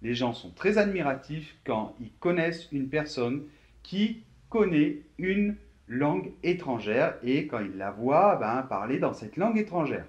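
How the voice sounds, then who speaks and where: A man from France teaching a video lesson, speaking slowly and clearly straight to the viewer. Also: a little high, big pitch swings, highs cut off. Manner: slow, clearly articulated teaching, addressing viewer directly. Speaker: French teacher.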